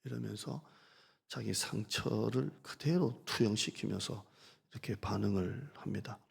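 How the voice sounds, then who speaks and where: A male pastor preaching a sermon, asking the congregation rhetorical questions and reading scripture slowly and deliberately. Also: lowish voice, creaky, breathy edge. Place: church sanctuary. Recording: long reverb of a church hall.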